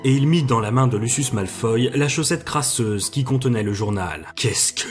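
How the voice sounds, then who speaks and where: A man narrating an audiobook in a steady, measured storytelling voice. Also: medium pitch, faint music behind. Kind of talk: audiobook reading.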